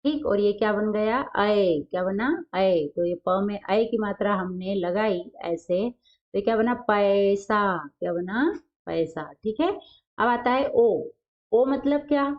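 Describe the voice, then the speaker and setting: A woman teaching a grammar lesson to young children, asking questions and answering them herself and stretching out example words slowly. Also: medium pitch, dull audio.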